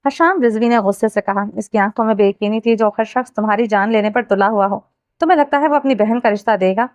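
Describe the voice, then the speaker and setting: A woman narrating a romance novel aloud in a steady storytelling manner. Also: on the high side, no echo.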